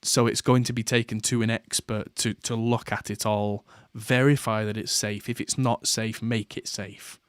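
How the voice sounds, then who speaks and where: A man's voice: lowish voice, little pitch movement, moderate pace, hardly any pauses, clear, resonant tone, no room sound, clean studio sound. Chatty man hosting a podcast. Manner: rambling, with many fillers and restarts. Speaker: podcast host. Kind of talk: casual chat.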